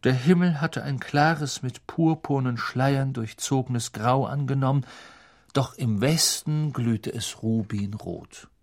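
A man narrating a storybook audiobook in an expressive, measured way. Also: medium pitch. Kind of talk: scripted narration.

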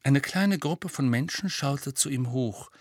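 Slow lively male audiobook narrator. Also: medium pitch, dry recording, clean studio sound. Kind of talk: scripted narration.

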